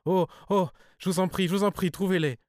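A man's voice: lowish voice, darkish tone, no echo, studio quality, natural voice. A man reading an audiobook voices a distraught woman who pleads and stammers through tears, caught under a hypnotic command. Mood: pleading. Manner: tearful, pleading, halting.

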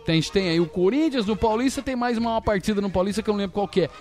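A Brazilian man hosting a casual football talk show, excitable and often repeating himself. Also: high-pitched, very fast, soft background music. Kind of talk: casual sports banter.

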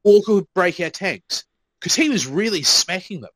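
A man's voice: high-pitched, expressive, moderate pace, fairly bright tone, no room sound, rough recording. A man co-hosting a podcast, telling work stories in casual chat, swearing freely and acting out what people said. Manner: swears freely, acts out quoted remarks. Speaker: podcast co-host.

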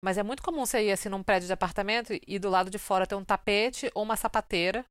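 A woman from Brazil chatting casually and telling lively stories, acting out what people said. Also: medium pitch, rapid-fire, smooth, no room sound. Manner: lively storyteller, acts out quoted lines. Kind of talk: casual chat.

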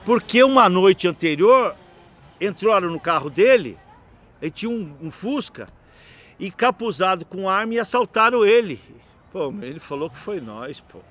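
A middle-aged man, telling stories as a podcast guest in a lively, slangy way. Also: high-pitched, normal speed. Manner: lively, slangy, animated storyteller. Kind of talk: casual anecdotal storytelling.

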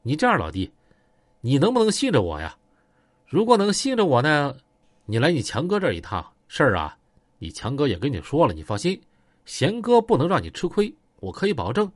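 A man voicing a calm, righteous gang boss who speaks in a steady, reassuring, authoritative way, with a Northeastern Chinese accent. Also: on the high side, a little fast, dry recording, clean studio sound.

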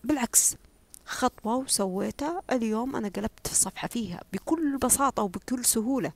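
A young woman, speaking about her own experience in an emotional, emphatic way and dropping often into breathy whispers. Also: a little high, brisk. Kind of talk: personal reflective monologue.

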